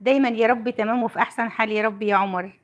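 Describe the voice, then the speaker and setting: A woman's voice: fairly high pitch, fairly even intonation, very fast. A woman with an Egyptian Arabic accent chatting on a call while filming her child, doting and laughing often. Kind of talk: casual family vlog on a phone call.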